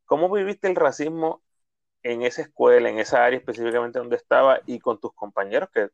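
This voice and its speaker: A man hosting an interview, asking measured questions. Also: mid-range voice, vocal fry, dry recording, highs cut off. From Puerto Rico. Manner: brief listener responses, measured questions. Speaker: podcast host.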